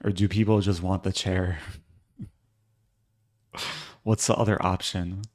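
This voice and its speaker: A man with a low voice commentates casually on a live chess stream. He speaks slowly and in a low-key way, thinking aloud in short fragments as he goes. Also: darkish tone.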